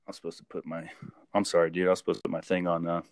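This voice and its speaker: A man with a fairly low voice, recorded close and dry, tells old army stories. He talks in a loose, profane, easygoing way and acts out every exchange with his sergeants. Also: racing, no echo. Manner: lively anecdote-telling, acting out quoted dialogue; relaxed and profane, with frequent fillers. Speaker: guest; army veteran. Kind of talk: casual spoken storytelling.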